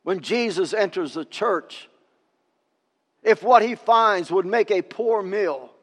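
A male pastor preaches an emphatic sermon in a church sanctuary, swinging between loud declarations and hushed appeals. His voice is high, his pace slow, and the sound is that of a big room.

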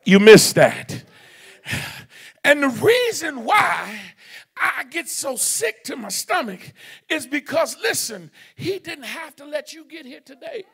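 A male preacher delivers a fervent sermon in a church, swinging from low asides into shouted bursts and call-and-response. His voice sits very high with a gravelly rasp and a sharp, bright edge. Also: sing-song, slow. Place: church sanctuary.

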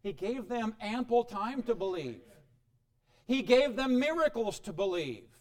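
A man preaching a sermon, reading scripture aloud and explaining it with dramatic swings in loudness and frequent chuckles. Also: very animated, unhurried. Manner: dramatic shifts in pitch and volume, chuckles often.

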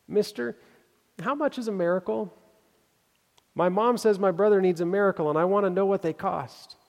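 A man's voice: sits high, normal speed, creaky, voice pushed up. A man voicing a tearful, earnest little girl during a sermon story, raising his voice into a pleading child's tone. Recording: long hall reverb.

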